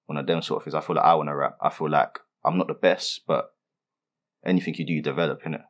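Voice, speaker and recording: Brief: young London rapper, very low voice, quick slangy answers. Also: male voice, steady tone. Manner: laid-back street slang, many fillers. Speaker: rapper being interviewed. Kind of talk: casual interview answers.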